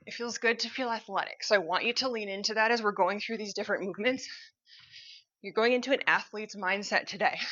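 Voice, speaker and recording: Bright, upbeat woman coaching a workout. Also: mid-range voice, highs cut off. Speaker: fitness instructor. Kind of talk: cueing a workout while exercising.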